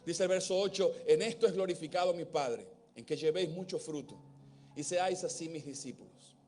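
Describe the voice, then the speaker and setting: A male pastor preaching a sermon in church, swinging between loud emphatic peaks and soft, low asides. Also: brisk, soft background music.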